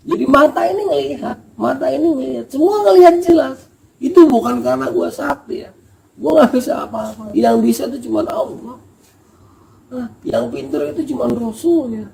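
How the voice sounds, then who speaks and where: A man's voice: very high-pitched, sing-song, a little slow, gravelly, warm tone. A man telling a hiking story in a casual, emotional and earnest way. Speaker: storyteller recounting a hiking experience. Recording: noisy background ambience.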